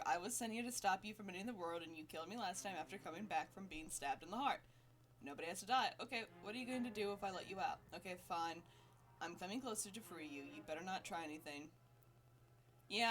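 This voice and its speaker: A woman's voice: mid-range voice, pushed and bright. A woman streaming a video game with casual, sweary, playfully sarcastic commentary.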